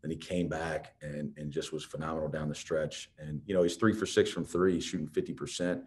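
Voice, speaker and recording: A man's voice: a bass voice, little pitch movement, fairly quick, a little hiss or hum. A man, a head basketball coach, answering reporters' questions in a post-game press conference, talking conversationally with many restarts.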